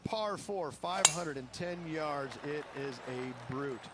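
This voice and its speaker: Emphatic golf commentator, slightly high. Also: male voice, takes it slowly. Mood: emphatic, descriptive. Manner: descriptive, emphatic about difficulty. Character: emphatic male golf course analyst. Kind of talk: golf broadcast analysis in a video game. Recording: clear outdoor ambient noise.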